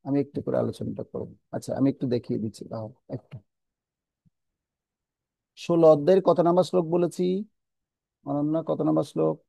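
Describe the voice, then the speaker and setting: A man teaching a scripture class, chanting verses slowly and then explaining their pronunciation step by step. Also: fairly high pitch, gravelly, warm tone, dry recording.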